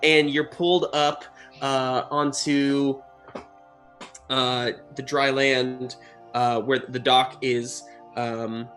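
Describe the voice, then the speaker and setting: A man narrating a tabletop game as game master, improvising haltingly and searching for words. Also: mid-range voice, flat delivery, fairly bright tone. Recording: music playing behind the voice. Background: music.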